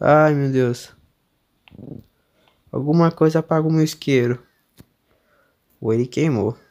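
A young man with a Brazilian Portuguese accent streams let's-play commentary on a horror game, nervous and jumpy, exclaiming often as he plays. His voice sits on the high side, unhurried and a little mellow.

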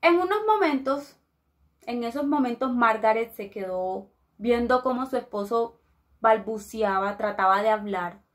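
A woman from Colombia narrates a grim tale in a loose, spoken storytelling manner. Her voice sits high and the pace is unhurried, with small restarts that keep it conversational. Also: expressive. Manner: casual, conversational retelling with pauses and restarts. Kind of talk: oral storytelling.

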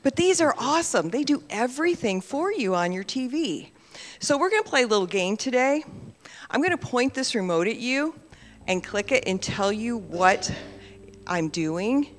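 A woman's voice: fairly high pitch, very animated, normal speed. A woman leading a playful children's message in church, talking to the kids and asking them questions. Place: church sanctuary. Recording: reverberant church hall.

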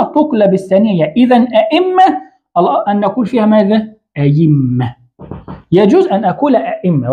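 A man with a high but dark-toned voice teaches Arabic grammar online, writing on a board as he explains. He asks the learner a question, then answers it himself, and often corrects his own slips.

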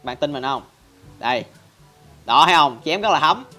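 A man's voice: a little high, animated, normal speed, bright, forceful tone, soft background music. A man hosting a casual game tutorial in a chatty style, constantly addressing viewers. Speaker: Minecraft channel host.

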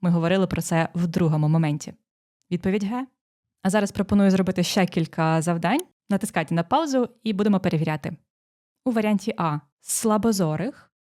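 A woman teacher explaining exam phonetics, pronouncing sample words slowly and walking through each rule step by step. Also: fairly low pitch, mellow. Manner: dictating sounds slowly, explaining rules step by step. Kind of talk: exam prep lesson.

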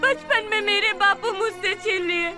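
A grieving young daughter who has turned bitter. Her voice is very high and rebellious. Loud film music fills the soundtrack. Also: normal speed. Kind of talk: film drama acting.

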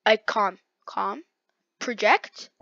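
A woman's voice: medium pitch, extremely slow, gravelly, fairly bright tone, slight background noise. A young woman giving live gameplay commentary, talking to herself dramatically with slang and lots of repeated words. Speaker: gaming creator. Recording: dull lo-fi dry mic.

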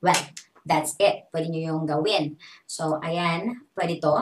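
This young woman, an online English teacher with a Filipino accent, gives a relaxed, chatty tutorial mixing English and Tagalog. Her voice is deep and her pace slow, and the room has an echo.

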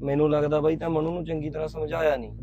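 A man in a short film playing a threatening, scornful man out for revenge, talking loudly. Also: a little high, little pitch movement, racing, lo-fi sound, faint music behind, lightly acted. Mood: indignant. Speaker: vengeful man spying on the heroine.

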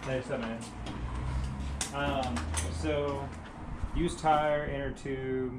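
A man's voice: medium pitch, fairly even intonation, very slow, heavy background noise. A young man working as a bike mechanic, explaining a repair in casual shop talk and repeating words as he goes.

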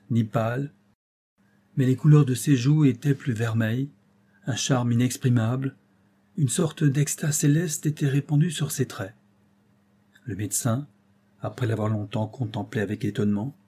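A man narrating a classic tale as an audiobook in a measured, expressive storytelling manner. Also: mid-range voice, breathy edge.

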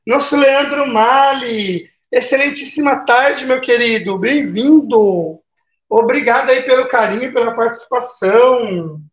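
A man's voice: extremely high pitch, fairly bright tone. A Brazilian man talks casually on a live stream, greeting viewers one by one and tacking little questions onto his sentences. His voice sits in a roomy space. The sound is a bit dull and muffled. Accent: Brazilian Portuguese. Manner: chatty, greets viewers by name, tag questions. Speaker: live-stream baking host.

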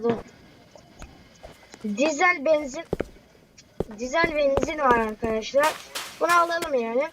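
A woman's voice: high-pitched, noisy background. A woman giving chatty, exclaiming gameplay commentary while talking to viewers and a teammate. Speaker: gamer playing with a friend.

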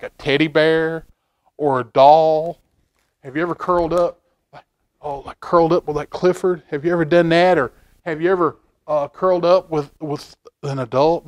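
Seated at a table in an indoor library room, a middle-aged man with a somewhat high voice stands in as host for children's storytime. He reads a picture book aloud with animation and makes folksy asides to the young listeners. He often repeats a phrase to drive it home.

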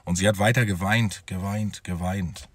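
A man's voice: sits low, fairly even intonation, moderate pace, slightly rough, no room sound. A man telling his own story as a father in a personal vlog, talking straight to his viewers in a conversational way.

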